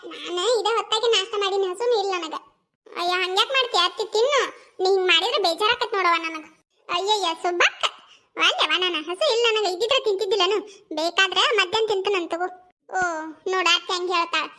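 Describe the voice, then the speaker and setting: A woman's voice: very high voice, sharp tone. A woman voicing bickering village women in a cartoon family, with a North Karnataka accent. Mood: coaxing. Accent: North Karnataka Kannada. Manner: scolding, teasing banter.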